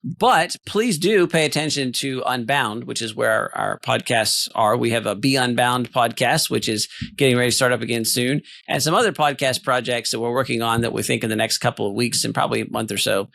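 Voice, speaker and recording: A man hosts a casual podcast chat, his words coming quickly in a gravelly voice. He thinks aloud and rambles with fillers. The sound is dry and close. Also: mid-range voice, a bit bright, dry recording. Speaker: podcast co-host.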